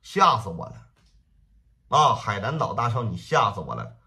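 A man voicing a brutal, mocking gangster enforcer, shouting threats. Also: on the low side, big pitch swings, moderate pace, exaggerated voice. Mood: scornful.

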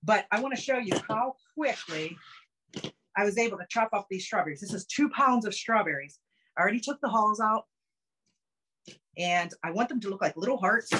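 Over a noisy background, a middle-aged woman runs a relaxed, upbeat cooking demonstration from her kitchen by video call and explains each step as she goes. Her medium-pitched voice is expressive and her pace normal, picked up close by a phone camera.

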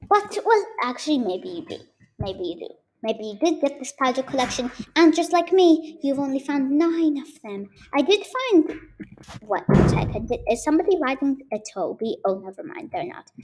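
Woman, fairly high voice, casual gameplay commentary, rambling, teasing, lots of fillers. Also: slight background noise, poor audio. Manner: chatty, rambling, many fillers and restarts; playful teasing of viewers. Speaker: gaming YouTuber.

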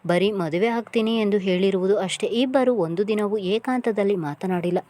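A woman narrating a serialized novel, reading in an even storytelling delivery. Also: mid-range voice, normal speed. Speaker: audiobook narrator.

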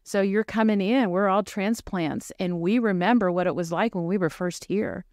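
A middle-aged woman who runs a pregnancy medical center, telling stories in an animated, chatty way. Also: mid-range voice, moderate pace, dry recording, clean studio sound. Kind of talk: casual chat.

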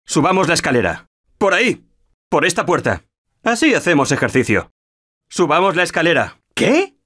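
A man with a Castilian Spanish accent playing an anxious everyman zombie-apocalypse survivor in a video game, emotive and slangy, with a husky voice. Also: on the high side, very animated, moderate pace, fairly bright tone. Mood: casual.

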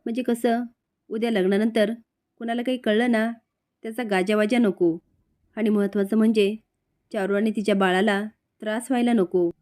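Tactful matriarch, measured and persuasive, read by a woman. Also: mid-range voice, fairly even intonation, darkish tone, natural voice.

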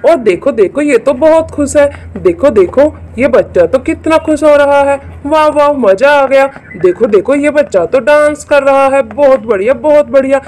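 Speaking at normal speed with hardly any pauses, this woman has a high, expressive voice with a darkish tone. She tells a doll play story for a toy channel, exclaiming often, repeating "look, look" and "very good," and addressing the children directly.

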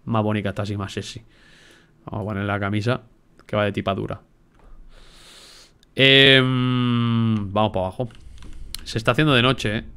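Swearing, excitable gameplay streamer man. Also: on the low side, normal speed, pauses often, smooth. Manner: excitable, swears a lot, talks to himself. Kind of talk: casual gameplay commentary.

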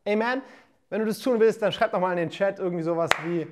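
A woman in her thirties delivers a livestreamed sermon, speaking straight to her viewers. She sounds energetic and direct, often calling out to them, and sometimes sinks into soft, quiet passages. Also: medium pitch, fast talker. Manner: energetic, addressing listeners directly with "hey" and "come on". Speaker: preacher.

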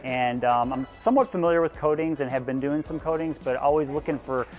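Young man, from Illinois, detailing student, lapel mic, fairly high voice, faint background music. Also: a little fast, darkish tone. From Illinois, USA. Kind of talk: short on-camera interview answer.

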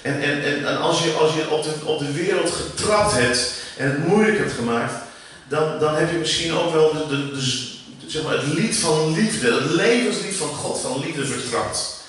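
A middle-aged man with a Dutch accent preaching a sermon, animated, jumping up in pitch and volume for emphasis and often restarting his words. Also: normal speed. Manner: animated, rising sharply in pitch and volume for emphasis, many repeated starts. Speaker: preacher and worship leader. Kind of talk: sermon teaching. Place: church hall. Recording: far from the mic in a very echoey room with faint ambient noise.

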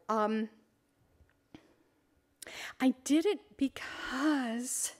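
An older woman photographer giving an informal library talk, chatty, rambling and openly emotional at times. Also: a little high.

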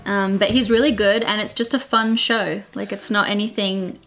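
A woman in her twenties with an Australian accent sits beside her partner in a small indoor room against a plain wall, answering viewer questions. Her voice is medium-pitched and fairly bright with fairly even intonation, and she's frank, quick, joking and laughing in this casual chat.

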